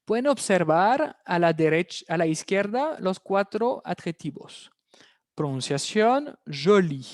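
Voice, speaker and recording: A French teacher giving an online lesson, explaining step by step, repeating key words slowly for pronunciation and checking in with the class after each point. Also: medium pitch, very animated, dry recording, studio quality.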